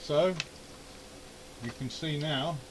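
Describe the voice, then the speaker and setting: An amateur radio hobbyist and video host, his voice a little high and his delivery slow, talks casually through a repair while grumbling and muttering to himself. He's in his indoor home radio shack, and the background is noisy.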